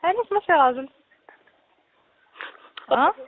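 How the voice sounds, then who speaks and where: Moroccan woman heard through a landline phone, high quick voice, tinny dry line, scolds the caller. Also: animated, no echo. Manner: brisk, scolding, quick to lose patience. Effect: heard over a landline phone. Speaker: phone call recipient. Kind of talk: casual phone call.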